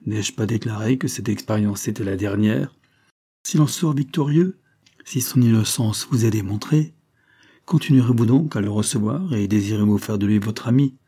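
A brusque, intense police agent from an audiobook drama, read by a man. He presses hard and urgent, his delivery pitched a little above the reader's usual low voice. The tone stays husky and dark. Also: moderate pace.

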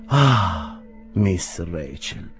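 A man playing a wounded, lovesick gentleman from an old storybook, soft and sighing. His tender voice sits low and drifts toward a murmur. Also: big pitch swings, moderate pace, over music.

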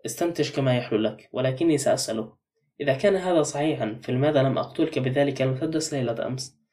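A man's voice: medium pitch, fast, mellow, recorded from a distance, natural voice. A man reading a curt, sardonic suspect. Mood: cool. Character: sharp-tongued wary man under suspicion.

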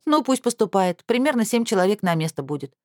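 A woman's voice: medium pitch, sing-song, fairly quick, darkish tone, dry recording, studio quality, voice pushed up, close to an everyday voice. A woman reading aloud and voicing a harried, irritated young female admissions secretary in a storybook reading. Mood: businesslike. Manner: irritated, curt.

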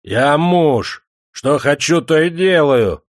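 A man voicing a drunken, boastful young peasant husband who bullies with loud, swaggering shouts. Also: on the high side, animated, slow pace, no room sound, clean studio sound, pitched above the performer's own voice. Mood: drunk, bullying.

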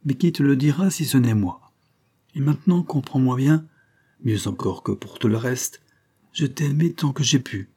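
A man's voice: medium pitch, moderate pace, warm tone, husky, pitched above the performer's own voice, natural voice. A man reading aloud and voicing a frail, asthmatic old grandmother who speaks with earnest effort. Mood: pleading.

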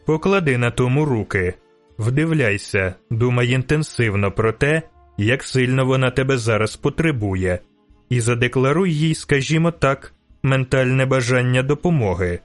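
A man voicing an ancient, enigmatic male elf sage in an audiobook, speaking in a measured, cryptic, instructive way. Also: medium pitch, expressive, soft background music, lightly acted. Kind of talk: audiobook character reading.

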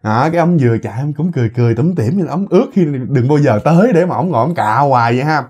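A man with a Southern Vietnamese accent telling a ghost story in an animated, casual way, often repeating words and speaking to his listeners. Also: a little high, fast talker, slightly rough.

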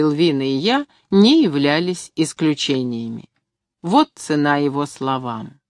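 Woman audiobook reader, calm first-person narration, dry close mic. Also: low-pitched, no echo. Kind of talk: scripted narration.

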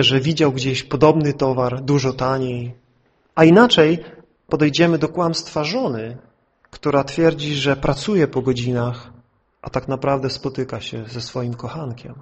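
A male pastor preaching a sermon, telling anecdotes and acting out the voices in them. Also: fairly high pitch.

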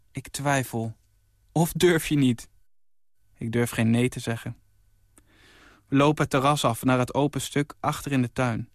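Young male writer, mid-pitch, calm narrator, dry studio sound. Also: no echo. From Netherlands. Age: 20s. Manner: calm, even storytelling, lifting his voice for the quoted lines. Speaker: short story writer. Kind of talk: reading his own short story.

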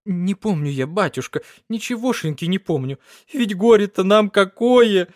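A man voicing a tearful older peasant woman who laments in a high, sobbing voice. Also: takes it slowly, darkish tone, no echo, studio quality.

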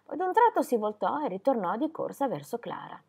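A woman narrating a classic children's story aloud in an expressive storytelling manner. Her voice sits a little high and moves in lively, wide pitch swings as she reads. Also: a little fast, slightly rough. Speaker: reader. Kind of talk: audiobook narration.

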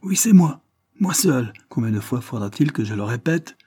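An audiobook reader playing an enraged prisoner in his thirties, shouting his confession defiantly. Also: fairly low pitch, expressive, moderate pace, breathy edge. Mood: raging.

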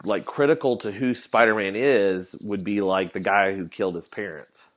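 A man with a fairly low voice co-hosts a casual podcast chat about comics. He mostly backs up his partner with short agreeing replies. Now and then he offers his own guesses. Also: fairly even intonation, moderate pace. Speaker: podcast co-host.

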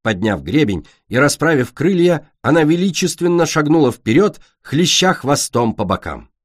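Expressive male storybook narrator. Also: on the high side, normal speed, husky, dry recording. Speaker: audiobook narrator. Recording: dry close recording.

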